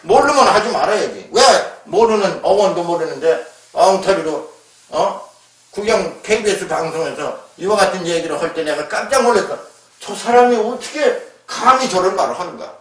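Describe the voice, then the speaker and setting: With lively intonation and a moderate pace, a high-voiced man gives a scolding, emphatic lecture on word origins, regularly tagging rhetorical questions onto what he says. He sounds far from the mic in an echoey room.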